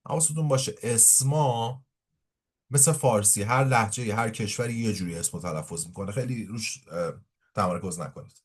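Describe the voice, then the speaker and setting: Husky man reading English slowly. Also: fairly low pitch. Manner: reads English slowly, explains quickly in Persian. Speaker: English teacher. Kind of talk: language lesson reading a story aloud.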